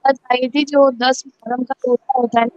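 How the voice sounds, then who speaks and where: Female caller, flat higher voice, words cutting out on a bad connection, dull lo-fi call audio. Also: moderate pace. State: voice breaking up over a bad connection. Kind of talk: asking a question on a video call. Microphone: online call.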